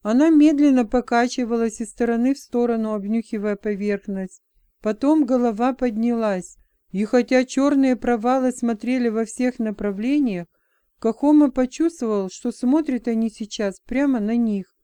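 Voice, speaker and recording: A woman narrating a story in a measured, even reading voice. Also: a little high, clean tone, no room sound. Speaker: audiobook narrator. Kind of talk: scripted narration.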